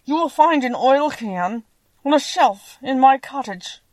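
A woman voicing a polite, mournful man made of rusty tin, speaking in a slow, earnest, drawn-out way for a storybook. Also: high voice, expressive, dry recording, pitched above the performer's own voice, poor audio. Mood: plaintive, pleading.

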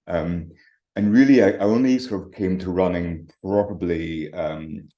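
A middle-aged man from the Highlands of Scotland with a Highland accent, chatting informally and loosely as an interview guest. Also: measured pace, mellow. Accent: Scottish Highland. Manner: informal, hedging, conversational. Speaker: interview guest, retired professor. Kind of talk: casual interview talk. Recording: roomy, echoey sound.

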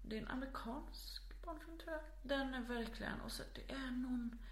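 A woman chatting as a guest on a podcast, telling stories and acting out what people said in a loud, animated way. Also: sits high, roomy sound. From Småland, Sweden. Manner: lively storyteller, acts out quotes loudly. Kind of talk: casual podcast chat.

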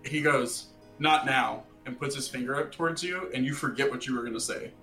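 A man's voice: mid-range voice, fast talker, sharp tone, reverberant, soft background music. A man running a tabletop game as game master, describing the characters' actions step by step.

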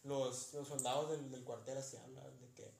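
A young man from Mexico co-hosting a podcast, chatting in casual slangy banter with quick asides. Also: medium pitch, level tone, creaky, a little mellow. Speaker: podcast co-host. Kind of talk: casual chat. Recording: echoey room with faint noise.

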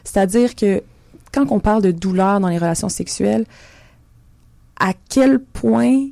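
A woman's voice: medium pitch, measured pace, vocal fry, dark tone, no echo. A woman with a Québécois French accent hosting a podcast, asking questions in a casual, earnest way. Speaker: podcast host. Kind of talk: conversational interview.

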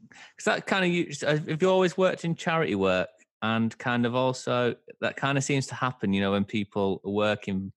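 A man from Bradford with a Bradford accent hosts a casual podcast chat. His voice sits fairly low. The sound is dry, with little room on it. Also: no echo. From Bradford, England. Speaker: podcast host.

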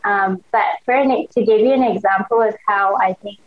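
A young woman with an Australian accent talks at normal speed in a medium-pitched voice. She's a podcast guest in casual conversation, eager and slangy with frequent "like" fillers, and the recording has a dull lo-fi quality.

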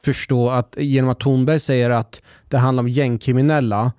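A man's voice: medium pitch, flat delivery, darkish tone, clear, resonant tone, no room sound, studio quality. A man on a podcast, chatting casually with an ironic, mock-serious tone. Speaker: podcast host. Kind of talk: casual chat.

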